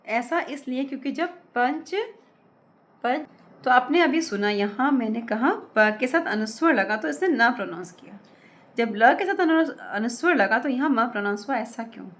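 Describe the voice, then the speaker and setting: Lively, slow-spelling woman grammar teacher. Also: fairly high pitch. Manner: slow, careful syllable-by-syllable spelling of words; asks questions and answers them herself. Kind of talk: explaining lesson with examples.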